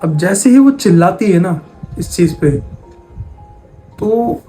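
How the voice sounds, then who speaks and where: A man's voice: sits high, lively intonation, slow pace, dark tone, soft background music. A man telling a spooky story in a casual, conversational way, repeating phrases as he goes. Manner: retells dialogue in plain conversational voice, repeats phrases. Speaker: horror storyteller.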